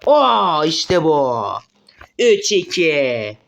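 A man giving live gameplay commentary as a mobile game streamer, excitable and swearing often when frustrated. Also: fairly high pitch, drawn-out words, vocal fry, lo-fi sound.

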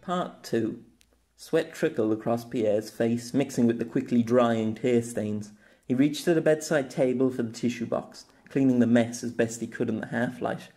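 A man narrates a written story in a measured, steady reading voice at a middle pitch. Soft music plays faintly underneath the scripted narration. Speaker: audiobook narrator.

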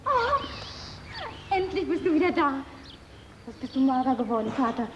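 An actress playing a clever, caring young peasant daughter who speaks earnestly. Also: female voice, high voice, huge pitch swings, a little slow, background noise, heavily acted. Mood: concerned. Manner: earnest, questioning. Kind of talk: 1970s film acting. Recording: dull, reverberant old film soundtrack.

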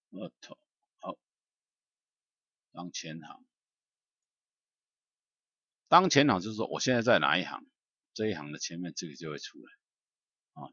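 A man giving a loose, chatty software tutorial, filled with "ah" and "hao" fillers. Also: a bass voice, slightly rough, dry recording, dull audio. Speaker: music software instructor. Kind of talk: screen-recorded software tutorial.

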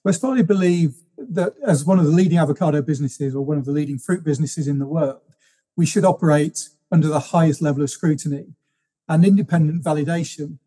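A man answering interview questions as a company guest, explaining in a measured, businesslike way. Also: on the high side, dark tone, husky.

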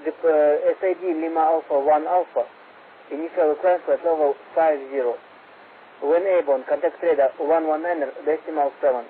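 A man's fairly high voice comes through an aviation radio channel, squeezed thin like a phone line with a faint hiss underneath. He works as an air traffic controller and speaks in short, clipped radio phraseology. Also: steady tone, normal speed. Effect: heard over an aviation radio channel.

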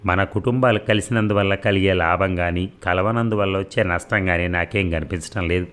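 A guarded, stubborn young man answers coolly in a novel's audiobook, as a man reads his lines. The voice is very deep, measured and wry, never raised. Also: steady tone, a bit bright. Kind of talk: audiobook dialogue reading.

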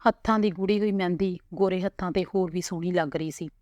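A woman narrating a family story in a calm, unhurried reading voice. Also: on the low side, no echo, dull audio.

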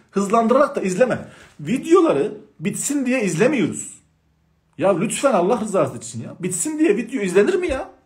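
An impassioned male math teacher addresses his students directly and repeats warnings over and over. His voice sits high and leaps around in pitch, so every sentence sounds animated and insistent. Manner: emphatic, scolding, repeats points insistently. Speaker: math teacher for exam prep. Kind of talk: passionate lecture-style talk to students.

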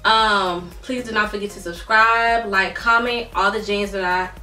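A woman's voice: medium pitch, steady tone, a little slow, bright, forceful tone, far from the mic, soft background music. A young woman chatting casually through a clothing try-on in her bedroom, full of fillers and "y'all," tired and out of breath. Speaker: vlogger. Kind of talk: casual try-on haul chat. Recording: roomy echo, from off the mic.

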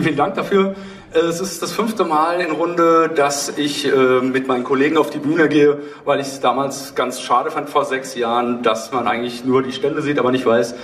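A medium-pitched man, an audio drama producer, moderates a live panel on an indoor theatre stage, pausing often and drawing out his words. His handheld mic runs through the PA and is recorded from the audience, so the sound is roomy, distant and noisy.

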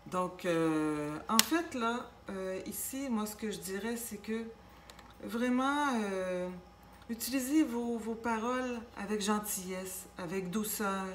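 A woman with a Québécois accent giving a casual tarot reading, gentle and reassuring, with many fillers and restarts. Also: medium pitch. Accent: Québécois French. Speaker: tarot reader. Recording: echoey room with faint background noise.

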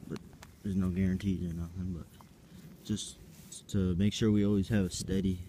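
In a deep, mellow voice at normal speed and a level tone, a young farm vlogger tours his farm outdoors, moving through the yard and woods with a handheld phone. He rambles and hesitates, uncertain about his plans, and there's slight background noise.

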